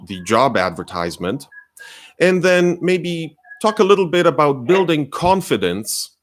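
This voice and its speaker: A man hosting a live coaching session, explaining slowly and patiently with many fillers; English is not his first language. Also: on the low side. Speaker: career coach and host.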